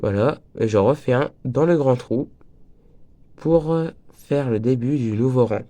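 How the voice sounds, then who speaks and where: Teenage boy, slightly stuffy from a cold, breaking voice, mellow tone, chatty, jokey, casual crochet tutorial. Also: medium pitch, unhurried. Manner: chatty, jokey, wanders off topic.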